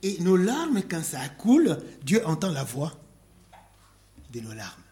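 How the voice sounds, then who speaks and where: A man preaching a sermon, slow and emphatic, reading scripture aloud and asking rhetorical questions. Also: fairly high pitch, wildly swooping pitch, warm tone.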